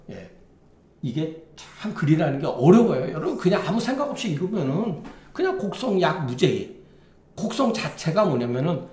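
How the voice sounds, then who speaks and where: Man, classics lecture, halting delivery, somewhat high voice, roomy echo. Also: darkish tone. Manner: halting, many restarts and "예" fillers. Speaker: classics teacher. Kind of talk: lecture on classical Chinese text.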